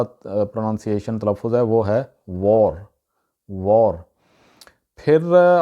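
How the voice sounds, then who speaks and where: A man giving a casual spoken pronunciation lesson, working through words one by one, saying each one twice, with frequent "uh" pauses. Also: medium pitch, mellow. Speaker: channel host teaching English pronunciation. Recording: dull, muffled lo-fi sound.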